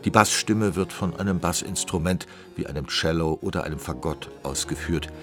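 A man reading a scripted radio documentary in a measured, explanatory manner. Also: low-pitched, over music. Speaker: documentary narrator.

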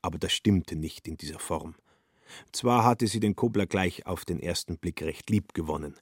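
Male narrator, low and calm, for a literary reading. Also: moderate pace, breathy edge, dry recording, studio quality.

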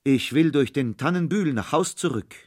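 A man's voice: on the high side, expressive, moderate pace, dry recording, clean studio sound, voice pushed up. A man voicing a poor, frightened young charcoal burner who talks in a raised, nervous voice. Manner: raised, nervous, trembling bravado.

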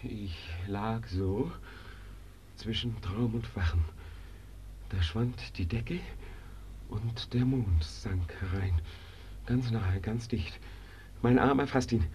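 A shaken young prisoner, slow. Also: male voice, fairly low pitch, a little hiss or hum. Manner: trembling, crying out in panic, then calmer. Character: young male prisoner woken from a nightmare, terrified and shaken. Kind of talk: stage drama performance.

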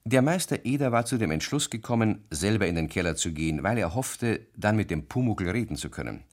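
Man, deep voice, lively intonation, calm storybook narration. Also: a little fast. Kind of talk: scripted narration.

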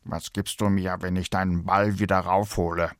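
A man's voice: low voice, flat delivery, normal speed, no echo, clean studio sound, lightly acted. A man voicing a cheeky, slimy male frog in a spoken fairy tale, pushy and demanding.

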